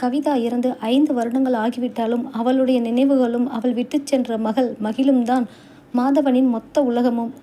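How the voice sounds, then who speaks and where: A woman narrating a family short story in a calm, scripted storytelling style. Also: fairly high pitch, moderate pace, a little hiss or hum.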